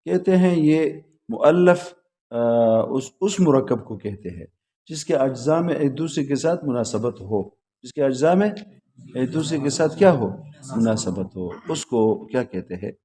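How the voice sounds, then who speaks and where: A man's voice: medium pitch, lively intonation, mellow. A male teacher giving a classroom lecture on logic at a religious school, quizzing his students and repeating their answers back to them in a patient, repetitive way.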